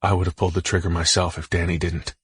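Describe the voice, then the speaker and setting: A man voicing a gruff, terse man in an audiobook, speaking curtly and snappishly. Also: sits low, flat delivery, fast talker, fairly bright tone, dry recording, heavily acted. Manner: curt, snappish. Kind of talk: audiobook character voice.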